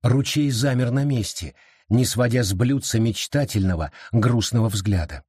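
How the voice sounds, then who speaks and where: A man narrating an audiobook in a steady, measured reading voice. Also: mid-range voice, breathy edge, dry recording, studio quality. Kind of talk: scripted narration.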